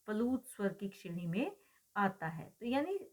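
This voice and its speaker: A woman's voice: medium pitch, sing-song, a little slow. Woman teaching with rhetorical questions. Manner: asks rhetorical questions and answers them; draws out vowel sounds as examples. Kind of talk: explanatory lecture.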